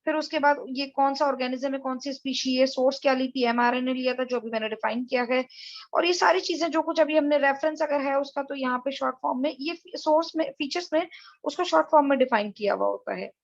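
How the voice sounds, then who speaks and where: A woman with a high voice walks through a tutorial lecture, explaining each step to her viewers. Her voice is close and dry, with a dull, lo-fi quality to the recording. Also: fast, dry recording.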